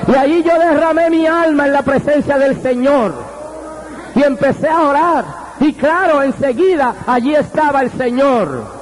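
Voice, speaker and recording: A man's voice: very high-pitched, slight background noise, low-quality recording. A man from Puerto Rico preaching a fervent sermon, telling his testimony with exclamations of praise at a convention. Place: convention hall.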